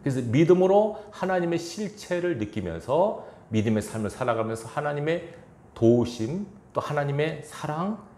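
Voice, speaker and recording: A man's voice: fairly high pitch, lively intonation, moderate pace, dark tone, reverberant. A man pastor preaching a sermon in a church, chuckling now and then and acting out quoted lines. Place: church sanctuary.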